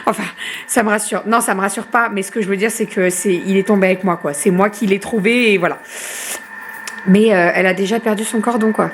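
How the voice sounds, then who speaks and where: A woman's voice: medium pitch, fairly even intonation, brisk, a little hiss or hum. Chatty woman rambling in her kitchen. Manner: chatty, rambling with many hesitations and self-corrections. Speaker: family vlogger and mother. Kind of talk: casual home vlog chat. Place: home kitchen.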